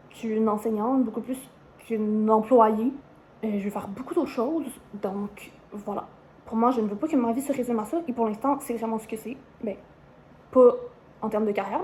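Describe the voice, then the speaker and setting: A woman's voice: a little high, mellow, a little hiss or hum. A woman in her twenties with a Quebec French accent, chatting to camera in a rambling way, full of fillers. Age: 20s. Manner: chatty, rambling, frequent "euh" and "genre" fillers. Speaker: vlogger, university student. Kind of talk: casual chat to camera.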